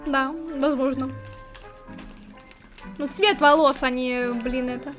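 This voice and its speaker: Bright, high-voiced woman gamer. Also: steady tone, slow. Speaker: gamer playing on camera or stream. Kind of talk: casual let's play commentary. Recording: game music behind voice.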